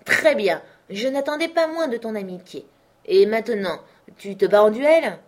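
A woman reading a blunt, insistent old gentleman. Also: fairly high pitch, animated, moderate pace, pitched above the performer's own voice, lightly acted. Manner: insistent, brusque, commanding. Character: wealthy old man, blunt and generous host.

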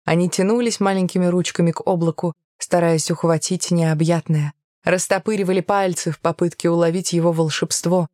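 A woman narrating a novel in the first person, telling it calmly and evenly. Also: lowish voice, brisk, no room sound, clean studio sound. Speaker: audiobook narrator.

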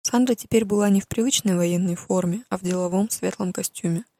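A woman reads a novel aloud in a steady, measured storytelling voice. Her tone has a gravelly, creaky texture. The recording is dry and close, with no room sound. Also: medium pitch, no room sound. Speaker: audiobook narrator. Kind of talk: scripted narration.

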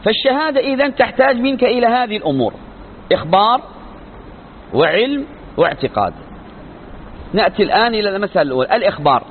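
A man's voice: sits high, sing-song, quick pace, pauses often. A man teaching a religious lesson in an emphatic style, asking rhetorical questions and answering them himself. The recording sounds thin and narrow, with faint noise behind him. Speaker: sheikh teaching creed. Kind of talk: religious lecture.

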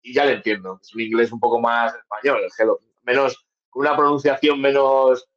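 A man's voice: medium pitch, fairly even intonation, fairly quick, a bit bright. A man who is a guest in a podcast chat, laughing often and explaining at length. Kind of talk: casual chat. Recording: dull remote audio.

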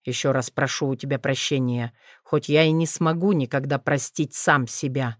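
A woman voicing a brooding, remorseful male dragon in an audiobook, speaking low and measured. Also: dry recording, clean studio sound, natural voice. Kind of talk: audiobook character reading.

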